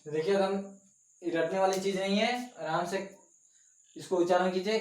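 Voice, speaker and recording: A male teacher giving a classroom lesson, sounding out consonants slowly one by one and checking in with the class often. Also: high-pitched, steady tone, a little mellow. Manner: slow, drawn-out sounding of letters with frequent "ठीक है" checks. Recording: echoey room, distant mic, insects chirping.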